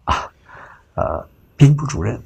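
A man voicing a broke, downcast young man in a told story, speaking quietly and hesitantly. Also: medium pitch, very animated, a little slow, creaky, husky, heavily acted. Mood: low-key.

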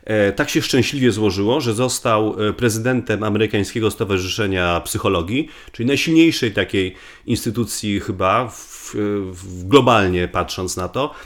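A man's voice: on the low side, normal speed. A man from Poland explains things conversationally as a guest researcher, often repeating words and restarting as he thinks aloud.

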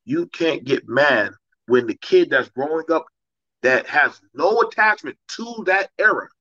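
A man's voice: a little high, expressive, measured pace, sharp tone, no echo. A man co-hosting a casual podcast chat, talking bluntly and with energy, and slipping into voices when he quotes people. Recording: dry, dull lo-fi mic.

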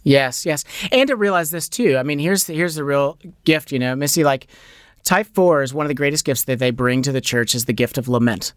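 A middle-aged man, an author, chatting as a guest on a radio show, animated and filling his talk with "like" and "you know.". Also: medium pitch, brisk, smooth, dry recording, studio quality. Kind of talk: conversational radio interview. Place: radio studio.

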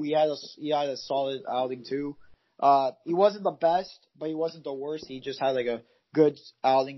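A man with a fairly high-pitched voice co-hosts a casual football podcast, heard through a muffled recording. A football fan, he rambles with lots of fillers and restarts.

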